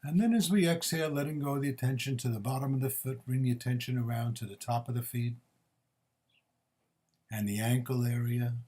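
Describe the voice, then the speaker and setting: A male meditation teacher with a medium-pitched voice guides a body scan. He delivers short, measured, gently instructive phrases separated by pauses.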